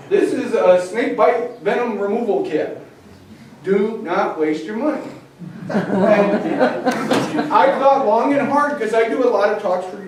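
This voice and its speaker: Male presenter, higher voice, animated and jokey, recorded from a distance in a reverberant hall. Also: background noise. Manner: lively, acts out scenarios with humor. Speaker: wildlife educator giving a public talk. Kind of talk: live public presentation. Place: lecture room with an audience. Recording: echoey room, mic far off.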